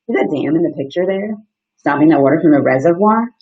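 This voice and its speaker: Reading to children on a live video stream, an outdoor educator in her thirties keeps her teacher talk simple, interactive and encouraging, pausing for questions and explanations. Her low-pitched voice is expressive and slightly rough. The webcam sits at desk distance in a small indoor room, and the sound comes through muffled.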